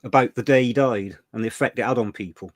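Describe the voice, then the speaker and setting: An older English man co-hosting a livestream reminisces casually, chatty and emotional with mild swearing. He talks fast in a mid-range voice, and there's no room sound.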